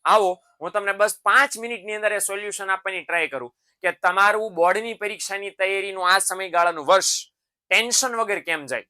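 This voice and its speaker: A teacher gives students a motivational lesson in a high, fairly quick voice that sounds pushed and bright, with a clean tone. Speaking like a father, he calls them his sons and keeps checking in with tag questions.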